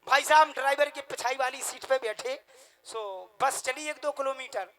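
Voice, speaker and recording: Bright-voiced comic storyteller. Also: male voice, very high-pitched, normal speed. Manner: animated, rustic storyteller. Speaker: comedian.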